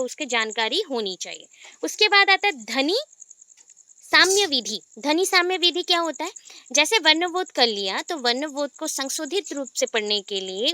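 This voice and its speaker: A woman's voice: sits high, bright, forceful tone, dry recording. A woman teacher giving a class lecture, often asking the class questions and drilling syllables aloud. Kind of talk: online class lecture in Hindi pedagogy.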